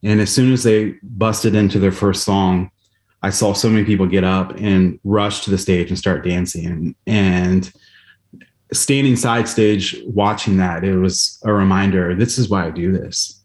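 A man's voice: low voice, steady tone, unhurried, darkish tone. A man who organizes a music event, speaking in a reflective, enthusiastic way on a radio interview. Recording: roomy echo.

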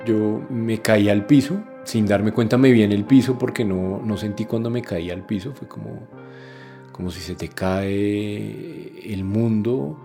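A man giving quiet, reflective testimony. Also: lowish voice, unhurried. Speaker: interviewee, son recounting. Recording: guitar music behind voice.

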